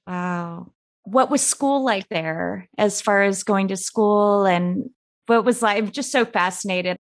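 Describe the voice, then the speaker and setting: A woman's voice: medium pitch, slow. A woman co-hosting a podcast and asking curious, enthusiastic questions. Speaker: podcast co-host. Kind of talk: podcast interview.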